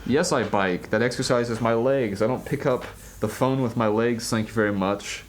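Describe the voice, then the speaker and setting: A man's voice: medium pitch, normal speed, slight background noise. A man co-hosting a casual podcast, playful and self-mocking in his banter. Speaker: podcast co-host. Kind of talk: casual chat.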